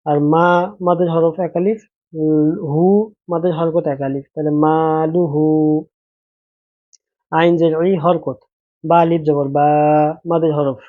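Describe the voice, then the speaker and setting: A man's voice: on the high side, flat delivery, moderate pace, long pauses, no echo, narrow, tinny audio. A man teaching Quran reading in Bangla, spelling out letters and vowel marks in a patient, repetitive drill and asking rhetorical questions as he explains. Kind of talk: Quran recitation lesson.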